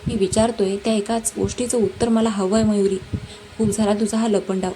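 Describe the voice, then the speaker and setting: A woman's voice: medium pitch, flat delivery, brisk, dark tone, natural voice. A woman voicing an angry, stubborn young man who demands answers, over a noisy background.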